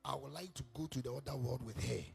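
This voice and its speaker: A man voicing a wealthy, dying king who pleads with his wives in soft, low tones. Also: quick pace, vocal fry. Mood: pleading.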